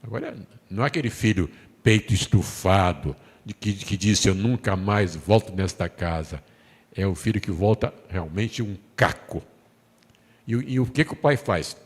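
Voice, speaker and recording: A man with a Brazilian Portuguese accent, a pastor preaching a sermon. He tells the story in a lively way, voices the characters and puts questions to the congregation. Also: fairly low pitch, normal speed, slightly rough. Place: church sanctuary. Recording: long hall reverb in a church.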